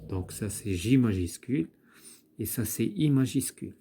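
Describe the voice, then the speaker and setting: A man teaching a primary-school French grammar lesson, explaining slowly and repeating himself while he writes out the examples. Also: medium pitch, animated, dark tone, a little hiss or hum. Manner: slow, repetitive explaining with restarts and fillers.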